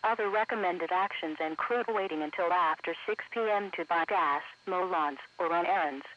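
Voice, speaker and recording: This is a muffled, lo-fi weather radio broadcast recorded for an online stream. The male announcer's voice sits high, and he reads scripted bulletins at a moderate pace with a formal, segmented, automated delivery.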